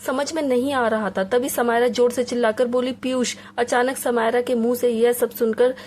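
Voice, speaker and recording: Expressive woman reading a romance novel. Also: on the high side, normal speed. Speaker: audiobook narrator. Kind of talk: scripted story narration.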